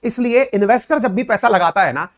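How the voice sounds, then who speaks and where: A man's voice: high-pitched, fairly quick. A man who teaches current affairs, explaining to his viewers in a conversational lecturing way, full of rhetorical questions and direct address, with English words mixed in.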